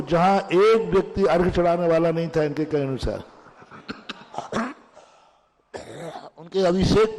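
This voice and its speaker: A man's voice: high voice, a little mellow, big-room sound, low-quality recording. A male monk answering questions in a discourse, speaking emphatically and repeating his key phrases.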